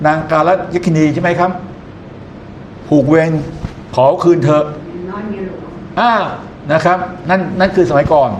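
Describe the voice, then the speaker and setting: A man's voice: a little high, a little mellow, slight background noise. A man lecturing in an explanatory way, often posing questions to his listeners and then answering them himself. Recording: echoey room, faint ambience.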